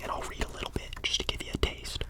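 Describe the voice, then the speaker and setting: A person playing a casual, slightly pushy librarian in an ASMR whispered role-play, speaking in a hushed library whisper and often repeating phrases. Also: very fast, lightly acted. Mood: hushed, helpful.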